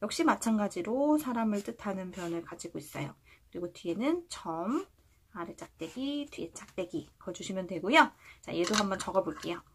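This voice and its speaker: A woman teaching a language lesson, asking questions and answering them herself, with slow, clear model readings for the viewer to repeat. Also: mid-range voice, expressive, slight background noise.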